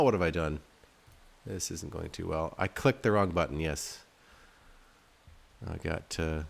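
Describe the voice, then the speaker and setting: A low male voice with vocal fry carries this casual gameplay commentary. He's the game's developer and the video's host, musing aloud as he plays and running himself down a bit along the way.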